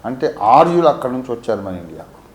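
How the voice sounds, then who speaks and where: A man from Warangal, a pastor teaching a Bible sermon, swinging between quiet asides and emphatic peaks. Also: medium pitch, very animated, quick pace, roomy sound. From Warangal, India.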